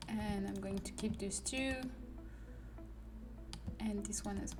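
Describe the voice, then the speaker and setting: Speaking slowly in a steady, mid-range voice, a woman from France with a French accent chats casually on a livestream while she works. She tends to mutter to herself or slip into a whisper, captured by a distant mic with music playing.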